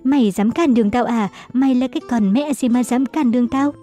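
A woman's voice: on the high side, brisk, soft background music, close to an everyday voice. Vân Tường, a raging jealous husband, read by a woman. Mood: furious. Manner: ranting, shouting insults. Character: furious jealous young husband, violent and accusing.

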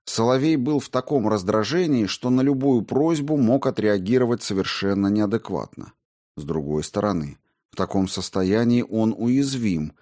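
A man reading an audiobook in a measured, even storytelling manner. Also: on the low side. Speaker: audiobook narrator. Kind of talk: scripted narration.

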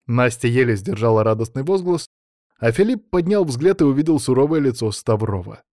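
A man's voice: medium pitch, animated, fairly quick, darkish tone, dry recording. A man reads a first-person audiobook in a mid-range voice, with a wry, sardonic edge in his asides. The recording is dry and close with no room sound. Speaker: audiobook narrator.

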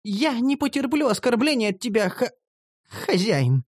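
Prim, offended elf maiden of noble blood, as a man reads her, high-pitched and formal, swoops in pitch, dry close audio. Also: very animated, moderate pace, no echo, full character voice. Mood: indignant. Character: haughty young noble elf woman, enslaved and indignant. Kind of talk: audiobook character voicing.

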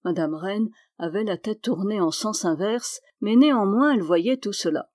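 A woman's voice: medium pitch, moderate pace, a little mellow, dry recording. Woman reading a novel, dry close sound. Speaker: audiobook reader. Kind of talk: reading a historical novel aloud.

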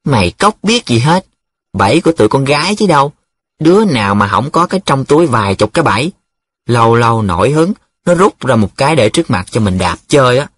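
A man voicing a cocky, teasing young male student who jokes in a sing-song way, with a husky voice. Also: medium pitch, lively intonation, fairly quick, fairly bright tone. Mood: boastful.

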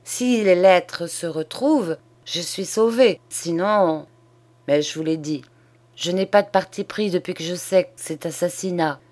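A woman reading a troubled, earnest young male lawyer in an audiobook, in her own low voice. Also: measured pace, a little mellow, lightly acted.

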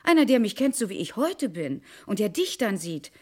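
An actress plays a sharp-tongued estranged wife in a stage play, her mid-range female voice sing-song and reproachful. Sarcastic and biting, she swings quickly between scolding and mockery.

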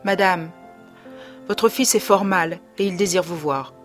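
A woman reading aloud, giving the measured, solemn lines of a male priest tutor. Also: fairly low pitch, faint music behind, lightly acted. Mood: grave.

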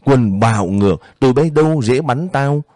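A man voicing an enraged lieutenant shouting curses. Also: medium pitch, expressive, normal speed, dry recording, clean studio sound, pitched above the performer's own voice, close to an everyday voice. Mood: furious, defiant. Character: enraged grieving male army lieutenant.

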